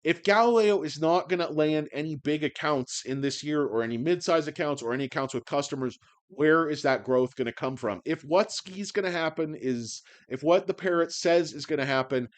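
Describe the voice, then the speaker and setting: A man's voice: fairly high pitch, animated, moderate pace. A man in his forties hosting a stock livestream, ranting in a profane, sarcastic, rambling way with many fillers. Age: 40s. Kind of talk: profane casual livestream rant.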